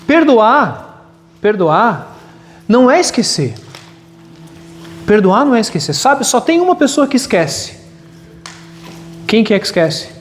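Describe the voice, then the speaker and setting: Man, pastor, lively humorous sermon, high voice, reverberant hall. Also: a little slow, pauses often, soft background music. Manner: lively preaching with humor and acted-out quotes. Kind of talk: sermon at a church retreat. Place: large hall at a retreat.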